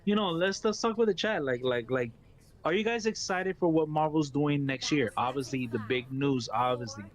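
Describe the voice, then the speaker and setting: A Brooklyn man with a New York accent, chatting on a gaming stream, excitable and laughing, repeating words and calling people "bro". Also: fairly high pitch, moderate pace. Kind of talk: casual gaming stream chat.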